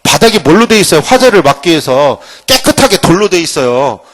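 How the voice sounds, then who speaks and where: Lively, playful male history lecturer. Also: on the high side, a little fast. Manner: playful, acts out quotes. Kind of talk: humorous classroom lecture. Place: lecture room.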